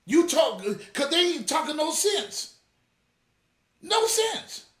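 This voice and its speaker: A man's voice: very high voice, very animated, takes it slowly, a bit bright, reverberant. A man hosting a religious commentary show, fiery and scolding, calling out to his audience directly. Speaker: apostle and show host. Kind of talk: reaction commentary.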